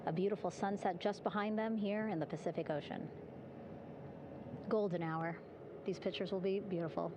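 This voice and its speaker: A woman's voice: on the low side, steady tone, normal speed, pauses often, background noise. A woman giving live, chatty commentary on an event as it unfolds. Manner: upbeat, chatty, warm-hearted narration with light laughs. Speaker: broadcast commentator.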